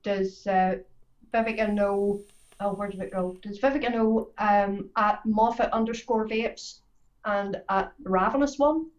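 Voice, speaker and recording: A woman's voice: medium pitch, steady tone, unhurried, poor audio. A woman in her forties with a Northern Irish accent, co-hosting a casual chat with blunt, cheeky teasing. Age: 40s.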